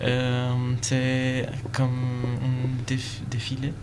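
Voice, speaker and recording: A young Mexican man with a Mexican Spanish accent, his native tongue Spanish, searching slowly for words. His pitch stays flat and even. Faint noise sits behind him. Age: young adult. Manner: halting, searching for French words. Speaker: student guest. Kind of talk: interview.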